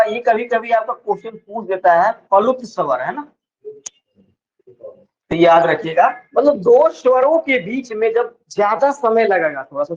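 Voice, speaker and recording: A male teacher from lecturing on vowels in a classroom style, often checking whether students follow. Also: high voice. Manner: explains slowly, stretching example words. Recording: dull lo-fi sound.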